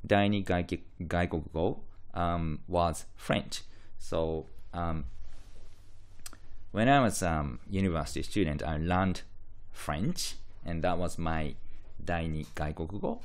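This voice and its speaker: Speaking slowly in a low voice, a Japanese-accented linguistics lecturer, native to Japanese, works through definitions of terms. He's hesitant and keeps repeating and rephrasing important phrases.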